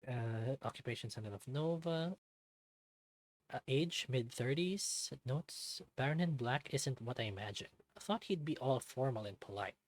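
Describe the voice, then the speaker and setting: A man's voice: mid-range voice, lively intonation, normal speed, poor audio. Easygoing man reading a game aloud. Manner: chatty and easygoing, reading profile cards aloud with asides. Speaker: let's-play host. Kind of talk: casual visual novel read-through with commentary.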